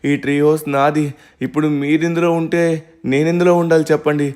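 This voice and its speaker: A hard-working young hero narrates to viewers in a game role-play dub, voiced by a man. He speaks in a fairly high register and flares up quickly when crossed. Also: little pitch movement, a little mellow, natural voice. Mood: pleading. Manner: talks straight to viewers, quick to anger. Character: hard-working young man defending his tree house. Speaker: main character and narrator.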